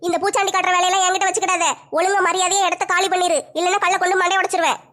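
A woman's voice: very high voice, level tone, rapid-fire, fairly bright tone. A woman playing a bold, teasing woman who threatens a drunk in a comedy skit. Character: bold, tough older sister-figure woman.

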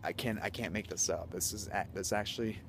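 A young man telling a story to a handheld camera on a city street at night, hyper and animated, dropping to whispers at times. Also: fairly low pitch, fairly quick, noisy background. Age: young adult. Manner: hyper, animated, swings between loud and whispering. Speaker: vlogger. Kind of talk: casual storytelling vlog. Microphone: handheld camera at arm's length.

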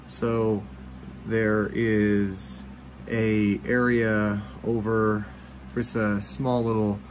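A man's voice: lowish voice, slight background noise, low-quality recording. A man hosting a fishing channel, talking casually in a rambling voice-over with many fillers and restarts.

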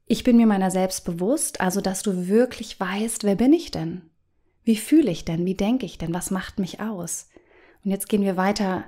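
A woman coach hosting a podcast, speaking to the listener in a gentle, guiding way, sometimes letting phrases sink to a soft whisper. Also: medium pitch. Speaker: business coach and podcast host.

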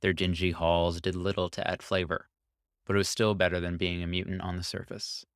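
A man reading a short science fiction story aloud as narrator, calm and even, on a close mic. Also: low voice, fairly quick, smooth, no echo. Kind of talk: scripted narration.

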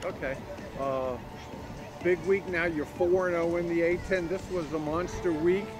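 A man's voice: a little high, steady tone, moderate pace. A man interviewing athletes after a game, asking enthusiastic, leading questions packed with stats. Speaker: sports interviewer.

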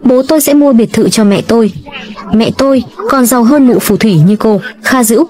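A woman with a slightly high voice reads all the parts of a drama recap. Her delivery stays steady and even throughout. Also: normal speed. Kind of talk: dubbed drama reading.

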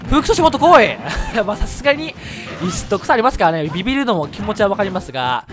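A man with a Kansai Japanese accent commentating his own fighting game matches, excitable and quick to shout and laugh at big plays. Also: sits high. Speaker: gameplay commentator. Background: background music.

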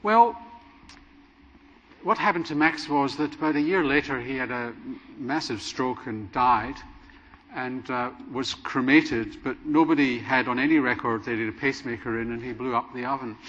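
A man's voice: mid-range voice, moderate pace, fairly bright tone. A middle-aged man moderating a conference panel, asking probing, leading questions and giving the closing remarks. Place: large conference hall stage. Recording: dull sound with hall reverb.

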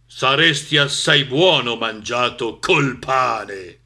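Gruffalò: a man doing a gruff, hungry monster. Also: medium pitch, animated, heavily acted. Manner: gruff, loud, slow-witted. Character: big hungry dim-witted male monster. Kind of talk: storybook reading.

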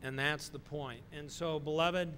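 A middle-aged man preaching a sermon in a slow, deliberate way, pausing often and stressing key words. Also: on the high side, steady tone, a bit bright, a little hiss or hum. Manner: slow, deliberate delivery with pauses and emphatic stresses. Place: church sanctuary, speaking from a wooden pulpit.

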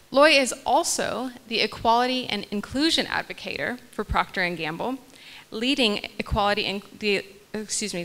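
Holding a handheld mic on a large hall stage, a young woman moderates a panel with a medium-pitched, sharp-toned voice. She reads the guests' bios and gives a light laugh whenever she makes small slips.

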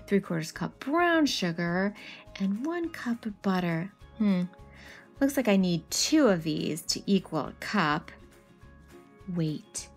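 With a fairly high pitch, a woman in her thirties reads a picture book aloud expressively. She talks to the children in an animated way, asking questions and adding asides.

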